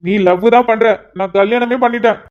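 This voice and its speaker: In a cartoon, a woman with a natural, steady voice on the high side plays a sarcastic young married man teasing his friend. Her delivery is mocking and exasperated, full of quick banter in a teasing mood, captured in slightly muffled lo-fi audio.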